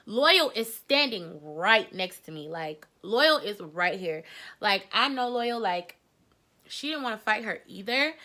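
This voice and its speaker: A young adult woman chatting casually in a storytime vlog, telling a story in a lively, slangy way. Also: fairly high pitch. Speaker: vlogger.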